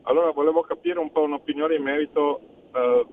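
Man, radio show caller, phone line, thin tinny sound, polite, hesitant, fills pauses. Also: on the high side, steady tone, a little hiss or hum. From northeastern Italy. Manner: hesitant, polite, searching for words with many fillers. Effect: heard over a phone line on a radio show. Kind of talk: phone-in call to a talk show.

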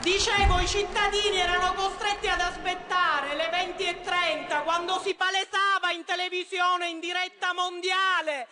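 A woman's voice: extremely high pitch, little pitch movement, normal speed, hardly any pauses, background noise. A woman from Sicily, a member of parliament, giving an emphatic, combative speech in a parliament chamber. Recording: echoey chamber.

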